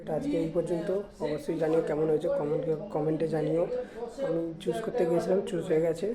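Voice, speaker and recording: A man from West Bengal, India, chatting rapidly to his viewers in a casual daily vlog, recorded outdoors on a handheld phone. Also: fairly high pitch, little pitch movement, a loud crowd. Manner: chatty, rapid, repeats sign-offs. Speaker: vlogger. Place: outdoors, at a fair and by a road. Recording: loud traffic and outdoor noise.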